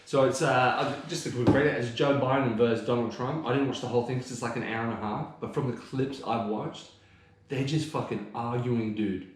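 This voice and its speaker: A man's voice: medium pitch, steady tone, a little fast, slight background noise. Laid-back swearing guy, echoey room. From Australia. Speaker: podcast co-host. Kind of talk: casual chat.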